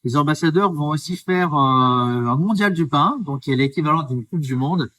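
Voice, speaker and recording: A man's voice: fairly high pitch, moderate pace, bright, forceful tone, far from the mic. A man from the Drôme who works as a baker, answering interview questions in an earnest, explanatory way. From France, Drôme. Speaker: baker, guest.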